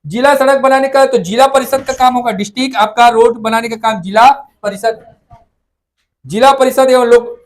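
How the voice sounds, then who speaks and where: A man with a notably high voice teaches an exam-prep class. He hammers facts home by repeating them and teases his students as he goes. He slips English terms into his lecture. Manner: drilling facts by repetition, teasing students; mixes English terms into the talk. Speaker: coaching teacher.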